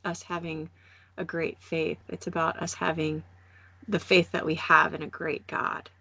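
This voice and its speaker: A woman in her thirties hosting a casual faith podcast, telling stories in an animated way and acting out voices. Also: low-pitched, measured pace, slightly rough, dry recording. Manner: animated storytelling, acts out voices and laughs often. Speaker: podcast host.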